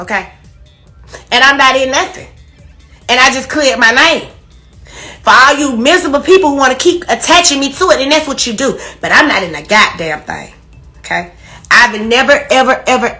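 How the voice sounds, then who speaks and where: A woman's voice: high-pitched, pushed and bright. A woman crying as she makes an emotional, defensive statement, swearing freely. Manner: emotional, defensive, profane ranting. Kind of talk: emotional live video statement.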